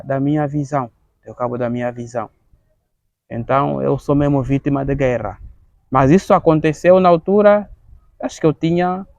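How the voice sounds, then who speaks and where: A man in his thirties with an Angolan Portuguese accent. He gives an earnest interview testimony, gravelly and halting, often repeating words as he searches for the next one. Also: medium pitch, darkish tone, no echo, muffled recording. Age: 30s. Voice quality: gravelly, halting with frequent word repetitions.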